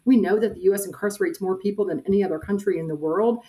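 Middle-aged woman talking earnestly, lots of ums, even steady voice. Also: mid-range voice, fast, poor audio. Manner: earnest, hesitant with fillers. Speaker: guest, denominational peace minister. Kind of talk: casual interview talk.

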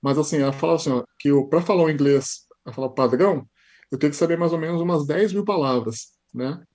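A man from Brazil with a São Paulo Portuguese accent, a podcast guest telling stories in a lively casual way with frequent tag questions. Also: a little high, fast. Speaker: podcast guest, high school teacher. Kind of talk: casual interview storytelling.

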